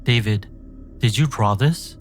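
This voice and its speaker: Over background music, a man with a lowish voice speaks a little slowly, lightly acting as an earnest, emotional young father in a horror story. Protective, tender and concerned, he addresses his small son.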